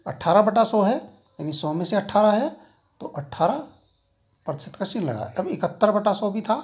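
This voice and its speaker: A man's voice: high-pitched, lively intonation, normal speed. A middle-aged man teaching a school maths lesson, repeating key points and asking his students questions as he explains.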